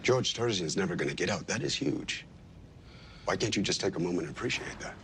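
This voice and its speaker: An older actor playing a gruff, wry investigator in a TV drama scene. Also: male voice, low-pitched, expressive, fairly quick, a bit bright, a little hiss or hum. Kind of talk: TV drama acting.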